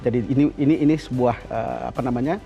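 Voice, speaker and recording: A man's voice: medium pitch, quick pace, vocal fry, highs cut off, faint music behind. A man in middle age speaking through a face mask, giving conversational news commentary as a studio guest. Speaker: editorial board member, studio guest.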